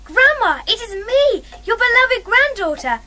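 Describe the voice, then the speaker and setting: A woman's voice: very high-pitched, big pitch swings, unhurried, pushed and bright, exaggerated voice. A British woman playing a prim, cheeky little girl in a comic radio play, with stagey sweetness. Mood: sweetly dutiful.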